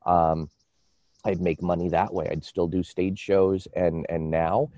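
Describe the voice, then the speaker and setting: An American man telling personal stories casually as an interview guest, in a halting, rambling way that often repeats words. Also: deep voice, level tone, dark tone, no echo. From United States.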